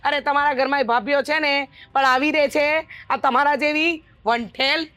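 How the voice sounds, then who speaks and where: A woman playing a bossy, loud mother-in-law. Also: high voice, steady tone, moderate pace, no room sound. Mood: scolding. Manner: scolding, loud, mocking. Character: bossy sharp-tongued middle-aged mother-in-law. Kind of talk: family drama acting.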